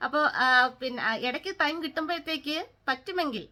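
A woman's voice: sits high, fast talker, pushed and bright. A woman, speaking in a bitter, sarcastic and scolding personal vlog rant. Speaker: vlogger.

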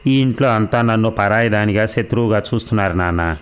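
A man's voice: fairly low pitch, fairly quick, smooth, close to an everyday voice. A man reading the part of a resentful young married daughter in a storybook, sarcastic and complaining. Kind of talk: audiobook character reading.

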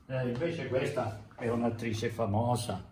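A man's voice: medium pitch, fairly even intonation, a little slow, noisy background. Older man in a roomy, echoing space. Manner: jovial, teasing, repeats words. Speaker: painter showing a visitor round the studio. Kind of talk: casual chat. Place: small cluttered art studio, indoors. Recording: roomy, echoing indoor studio sound.

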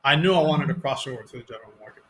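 A man in his forties from a Cuban family, with a Cuban accent, tells stories about his acting career as a guest in a casual video-call interview from a room at home. His mid-range voice is very fast and animated; he acts out quoted voices and often restarts sentences, heard through a headset microphone.

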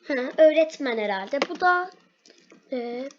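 Young girl gaming vlogger, very high voice, giggly and excited, slightly hoarse, lo-fi home recording. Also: slow pace, noisy background. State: losing her voice. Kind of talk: excited gameplay chat.

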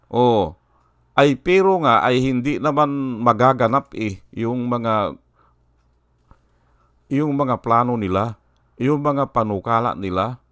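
Man, slow deliberate rhetorical talk, sermon-like political commentary. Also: a little high, fairly bright tone, dry recording. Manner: rhetorical, keeps asking "hindi ba?", quotes scripture. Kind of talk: political commentary vlog with preaching.

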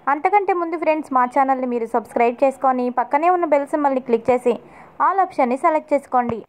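A woman narrating her channel's recap of a TV serial episode in brisk storytelling. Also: high voice.

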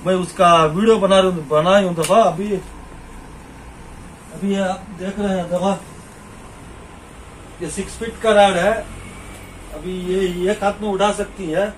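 A man's voice: sits high, steady tone, a little slow, pauses often, a little hiss or hum, rough recording. A middle-aged man from India in a small shop, casually demonstrating fishing gear to a camera and repeating his points to the viewer. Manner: repetitive, points things out to the viewer. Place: small cluttered shop, indoors.

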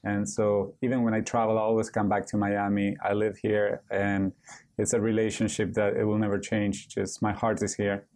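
Low, flat-voiced man from Argentina. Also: moderate pace. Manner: earnest, with many restarts and short yeses. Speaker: yoga teacher, interview guest. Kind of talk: studio interview. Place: TV studio set.

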